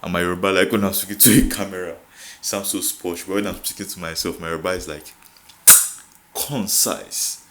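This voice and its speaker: A man's voice: deep voice, level tone, a little fast, very noisy. A young man from Nigeria with a Nigerian accent, chatting casually to camera, laughing often and filling with "like". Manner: laughs often, code-switches, repeats filler "like". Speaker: vlogger.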